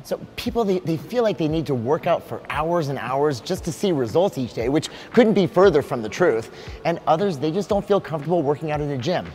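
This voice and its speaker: A man in his forties, a fitness coach hosting a promo, talking in an upbeat, energetic, salesy way on a lapel mic in a bright studio. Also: a little high, brisk, faint music behind. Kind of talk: scripted promo pitch. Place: large bright indoor studio.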